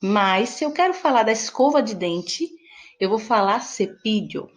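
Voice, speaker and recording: A woman's voice: medium pitch, lively intonation, unhurried. Brazilian woman teaching a language lesson. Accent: Brazilian Portuguese. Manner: explanatory, checks in with "né?". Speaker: Spanish teacher. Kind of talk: online lesson.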